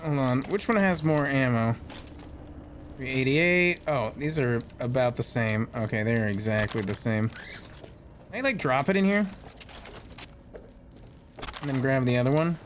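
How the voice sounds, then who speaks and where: A man's voice: mid-range voice, animated, measured pace, pauses often. A man doing casual, playful live gameplay commentary and chatting to his viewers as a streamer. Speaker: video game streamer. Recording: game noise and gunfire behind. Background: video game gunfire.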